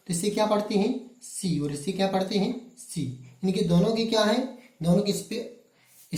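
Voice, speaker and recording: Guy from madhya pradesh teaching grammar, asks then answers himself, soft mellow tone, echoey room. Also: high-pitched. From Madhya Pradesh, India. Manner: asks questions and answers them himself, repeating key words. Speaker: English teacher. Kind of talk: classroom-style grammar lesson.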